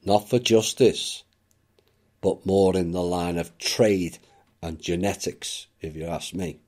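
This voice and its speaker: A man giving a reflective spoken monologue as a channel narrator, measured and unhurried, with occasional dry asides. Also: sits low, darkish tone.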